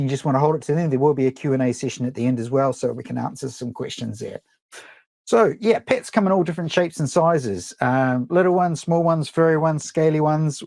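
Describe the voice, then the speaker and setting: This middle-aged New Zealander has a mid-range, slightly mellow voice and no echo around him. He's teaching a live photography webinar in a chatty, rambling way, full of ums and restarts.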